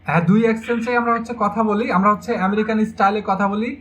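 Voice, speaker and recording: A man's voice: sits high, fairly even intonation, very fast, fairly bright tone, rough recording. A young man teaching an online English grammar class, repeating questions and explaining step by step. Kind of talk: online exam-prep lecture.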